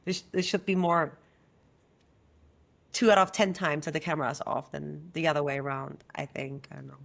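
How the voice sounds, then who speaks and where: Low-voiced woman coach from Germany. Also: steady tone, moderate pace, vocal fry. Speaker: guest, coach and co-founder. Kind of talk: casual conversation.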